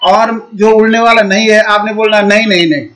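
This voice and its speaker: A man's voice: high voice, fairly even intonation, brisk, background noise. A man teaching a Sanskrit lesson to young children, coaxing them to answer, repeating prompts and imitating animal sounds.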